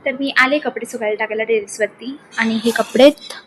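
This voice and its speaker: A woman's voice: a little high, steady tone, a little fast, slight background noise. A young woman chatting casually to viewers in her first vlog, talking them through her day. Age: young adult. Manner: chatty, addresses viewers directly. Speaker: vlogger.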